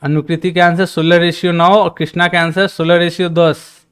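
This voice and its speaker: During his live-streamed maths class, this man works through problems methodically while bantering with the chat, reading messages aloud and teasing viewers. His voice is on the high side, a bit bright and smooth, with little pitch movement at a normal speed.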